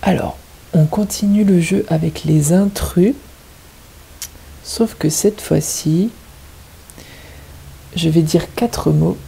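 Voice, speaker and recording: A woman's voice: on the low side, slow, gravelly, pauses often, mellow, slightly rough, poor audio. A woman teaching kindergarten children, patiently stressing each word and syllable. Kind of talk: teaching young children at home.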